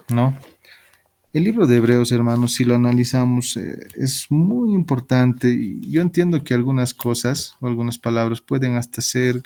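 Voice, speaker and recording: A man's voice: medium pitch, creaky, mellow. Male Bible teacher. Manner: acts out quoted voices, asks rhetorical questions.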